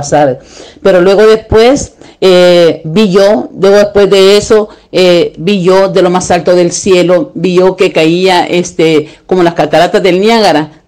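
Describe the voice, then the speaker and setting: A man's voice: high voice, darkish tone. A man telling a religious dream as testimony, in a rambling, repetitive and earnest way. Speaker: believer recounting a dream.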